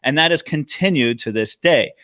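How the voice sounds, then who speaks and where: An American man talking casually as a guest panelist on a livestream, animated in telling his stories and acting out reactions. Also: fairly high pitch, moderate pace, no echo, clean studio sound. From Los Angeles, United States.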